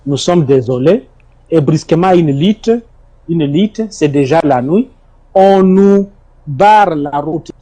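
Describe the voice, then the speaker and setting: A man's voice: fairly high pitch, expressive, slow pace, mellow, husky. A middle-aged man from Congo, giving emphatic testimony in an interview and often repeating his words. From Congo (DRC). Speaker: interview guest, former detainee.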